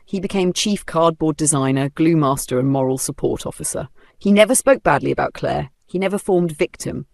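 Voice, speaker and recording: A man's voice: on the high side, vocal fry, dry recording. A man with a Nigerian accent narrating a dramatic story with playful, humorous asides.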